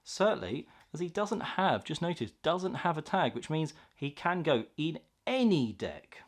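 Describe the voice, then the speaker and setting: A man's voice: fairly high pitch, big pitch swings, a little slow. A man chatting casually and enthusiastically as he hosts an unboxing, reacting aloud to what he finds. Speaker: host of a card pack opening video.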